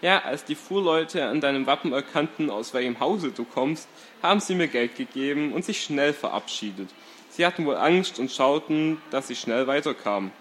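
A man's voice: on the high side, expressive, moderate pace, a bit bright, slight background noise. Guy reading as a blunt old village lady, wary, matter-of-fact.

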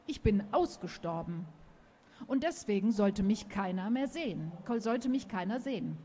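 A woman's voice: mid-range voice, lively intonation, moderate pace, mellow, a little hiss or hum, lightly acted. A woman voicing a fretful male dodo bird in a children's storybook reading; he frets and repeats himself. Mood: anxious.

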